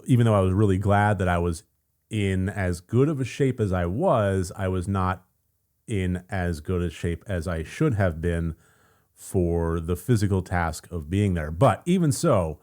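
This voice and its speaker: Fresh out of bed, this channel host from the United States gives a relaxed vlog update in a gravelly morning voice, deeper than it normally is. His talk rambles along, sprinkled with filler words and quiet laughter.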